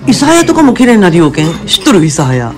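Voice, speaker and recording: Fairly quick and fairly low-pitched, a travel vlogger's voice carries her chatty teasing of a companion on a relaxed walking vlog, full of lively dialect banter.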